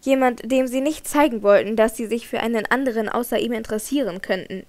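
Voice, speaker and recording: A woman's voice: fairly high pitch, brisk, darkish tone, close to an everyday voice. A woman voicing a jealous, agitated young male nobleman in an audiobook, heated and accusing. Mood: angry accusing. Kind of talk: audiobook character reading.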